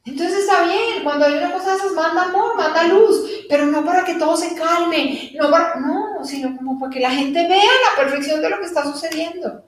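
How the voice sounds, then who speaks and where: Woman, spiritual teacher, high voice, animated, acts out little dialogues, live talk, distant mic. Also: fairly quick, hardly any pauses, slight background noise. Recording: echoey room from a distant mic.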